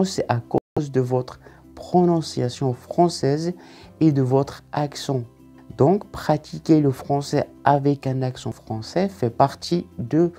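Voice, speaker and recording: A man gives an online language lesson in a warm, mellow voice with a gravelly edge. He explains methodically, step by step. Soft music plays faintly behind him. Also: medium pitch. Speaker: French language teacher.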